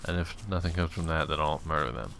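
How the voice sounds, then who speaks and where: A man's voice: rumbling low, fast talker, gravelly, a bit bright. A man giving casual, rambling, joking commentary while playing a game, now and then slipping into a mock hillbilly drawl. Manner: rambling, joking self-talk. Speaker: let's play gamer.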